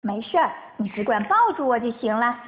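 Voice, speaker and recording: A woman's voice: a little high, a little fast, slight background noise, lightly acted. A woman voicing a kind, brave little male animal child in a storybook, childlike and tearful, on a tinny phone-like recording.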